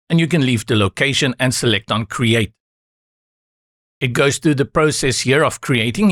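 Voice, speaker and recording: In a screen-recorded, step-by-step software tutorial, a presenter whose first language is Afrikaans walks viewers through every click of a setup. His voice is middle-pitched and calm, instructive, with reassuring asides. The recording is close and dry, with no room sound or echo.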